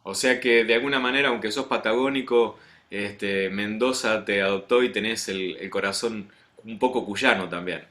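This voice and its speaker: Speaking at a normal pace in a lowish, slightly bright voice, this pastor hosts an interview program with an Argentine Spanish accent. He welcomes viewers in a friendly, direct way and questions the person he's interviewing.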